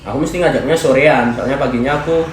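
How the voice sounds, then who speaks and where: A teenage boy answers interview questions in an earnest, step-by-step way, pausing on small fillers. His mid-range voice sits in a roomy, echoey space with a faint hiss behind it. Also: medium pitch. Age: teens. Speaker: student guest. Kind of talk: casual interview talk. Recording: roomy echo with faint noise.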